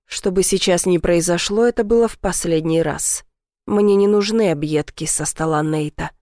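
A woman voicing a rough, possessive man with a hoarse, growling voice in an audiobook, speaking slowly and menacingly. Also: lowish voice, mellow, no room sound, studio quality, close to an everyday voice. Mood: cold. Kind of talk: audiobook character voice.

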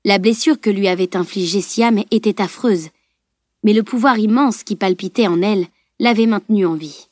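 An audiobook narrator, a woman, reads a fantasy novel aloud from a script, telling the story in a steady, measured way. Her pitch is medium, and the studio recording is clean with no echo.

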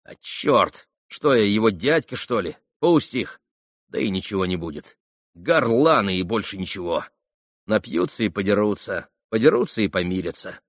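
A sensible young official, played by a male audiobook reader, muttering his irritated thoughts in a low, quiet voice. The recording is dry and close, with no room sound. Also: no room sound. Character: sober, sensible young official, grumbling to himself.

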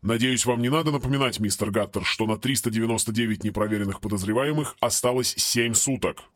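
A man's voice: medium pitch, quick pace, no room sound, pitched below the performer's own voice, lightly acted. A man voicing a stern, impatient male phantom who speaks in a dry, reproachful way.

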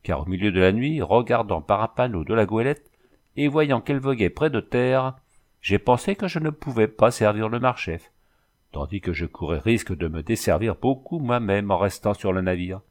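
A man's voice: on the low side, expressive, normal speed, lightly acted. A man voicing a boisterous, flirtatious former cavalry soldier who talks in boastful, rattling exclamations. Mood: excited.

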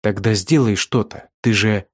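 A man's voice: fairly low pitch, a little slow. A man voicing a desperate male hunter who speaks tersely through clenched teeth in an audiobook. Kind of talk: audiobook reading.

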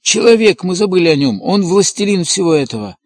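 A man voicing an excitable old male professor who speaks with impassioned fervor and breaks into cries. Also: mid-range voice, normal speed, no echo, studio quality, voice pushed up, close to an everyday voice. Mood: frenzied.

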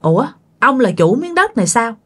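A woman's voice: on the high side, very animated, moderate pace, fairly bright tone. A woman voicing a bold elderly grandmother who pleads politely with a spirit. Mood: pleading.

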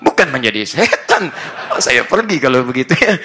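A man giving an animated sermon as a preacher, acting out everyday scenes in changing voices. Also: mid-range voice, normal speed, background noise. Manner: animated, acts out little scenes in different voices.

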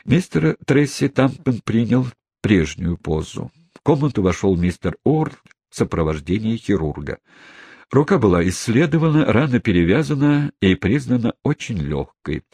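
Deep, husky male audiobook narrator. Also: very animated, normal speed, darkish tone, no echo, studio quality. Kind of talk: scripted narration.

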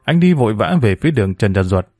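A man's voice: on the low side, no echo. Man reading a novel aloud, dry sound. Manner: steady, measured storytelling. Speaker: narrator.

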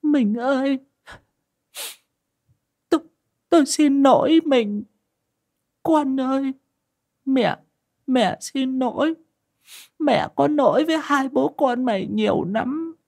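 A woman's voice: high-pitched, very animated, slow, creaky, long pauses, a little mellow, husky, voice pushed up, heavily acted. A man voicing an older village wife who was once a shaman, crying and pleading in a choked voice. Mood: choked apology.

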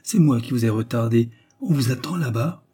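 A man reading an audiobook, voicing a lively young woman with a raised, bright tone. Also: mid-range voice, moderate pace, husky, close to an everyday voice. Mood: apologetic. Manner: bright, lifted tone.

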